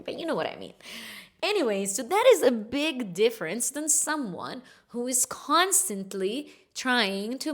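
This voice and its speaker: Chatty woman hosting a podcast. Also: medium pitch. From Egypt, raised in Kuwait. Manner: chatty, fast-talking with lively emphasis. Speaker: podcast host. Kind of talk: solo podcast talk.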